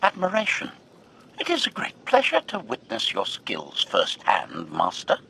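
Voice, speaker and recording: A man's voice: fairly low pitch, huge pitch swings, unhurried, creaky, husky, heavily acted. An actor playing a formal, coldly loyal male assassin droid with a robotic android voice, who speaks in a clipped way and opens each reply with a one-word label. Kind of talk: video game dialogue. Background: loud game music.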